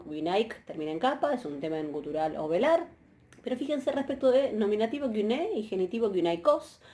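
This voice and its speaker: Mellow-voiced woman teaching a lecture. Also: medium pitch. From Argentina. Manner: patient, explanatory, frequent checking questions and fillers. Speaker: university Greek teacher. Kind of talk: recorded online lecture.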